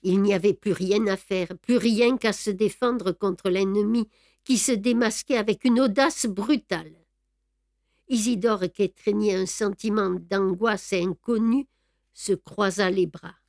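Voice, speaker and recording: A woman narrating an audiobook in a slow, even storytelling manner. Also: mid-range voice, no room sound, clean studio sound.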